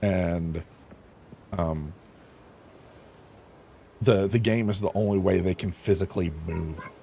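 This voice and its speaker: Streaming a game from home, a man chats casually, rambling and thinking out loud with plenty of fillers and self-corrections. His voice is low, creaky, mellow and crackly, with a steady tone and an unhurried pace.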